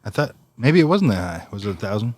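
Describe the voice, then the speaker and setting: Male co-host, mid pitch, lively, crude jokey interviewer. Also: quick pace, dry recording. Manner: asks questions, jokes crudely. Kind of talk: casual chat.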